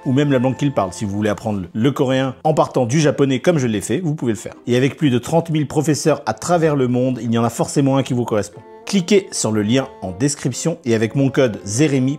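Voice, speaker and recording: Man with a mellow, dark voice. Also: mid-range voice. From Normandy, France. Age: 30s. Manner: chatty, candid, with occasional restarts. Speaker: YouTuber. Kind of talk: storytelling vlog narration.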